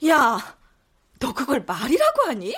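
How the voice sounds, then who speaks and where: An actress in her thirties playing a blunt, quick-tempered pregnant wife. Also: sits high, huge pitch swings, fairly bright tone, breathy edge, full character voice. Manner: blunt and exasperated.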